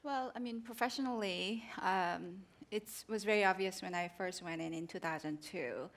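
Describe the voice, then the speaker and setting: A woman's voice: medium pitch, normal speed. A South Korea-born woman in her forties, speaking earnestly in an onstage interview with fillers and restarts. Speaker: guest author. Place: large theater stage with audience. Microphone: headset mic.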